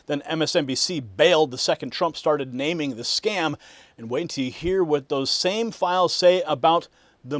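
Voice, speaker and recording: Guy doing scripted political commentary, kinda high voice, emphatic and alarmist, super dry sound. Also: dry recording.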